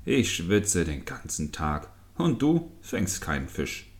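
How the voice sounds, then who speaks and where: A grumpy fisherman loses his temper and threatens his own fishing hook in a storybook tale, as a man puts him on. The voice is very deep and low, and it sounds scolding and threatening. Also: very animated, takes it slowly, exaggerated voice. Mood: angry. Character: grumpy, hot-tempered adult male fisherman.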